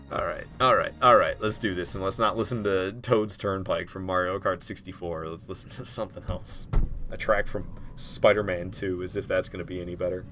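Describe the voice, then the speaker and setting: Bright-voiced chatty male game streamer. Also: low voice, steady tone, normal speed, faint music behind. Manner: chatty, rambling, laughs often, talks to chat. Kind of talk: casual live-stream commentary.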